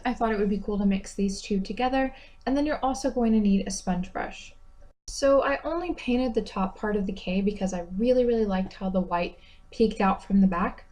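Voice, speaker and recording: A woman's voice: fairly high pitch, mellow. A young woman giving a casual, upbeat craft tutorial voice-over, chatty with self-deprecating asides. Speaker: DIY vlogger.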